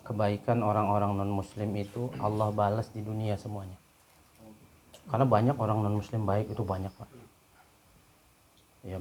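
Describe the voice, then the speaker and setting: A man giving a neighborhood religious lecture, telling a story with animated, rising peaks and often addressing the listeners as "Pak". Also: on the low side, slight background noise. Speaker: ustadz. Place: community gathering room.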